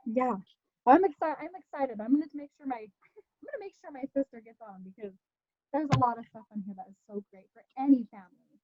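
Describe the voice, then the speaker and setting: A woman on a video call gushes excitedly in a very high voice. The sound is dry and dull, with no room echo. She speaks with eager, bubbly enthusiasm. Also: brisk. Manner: gushing and excited.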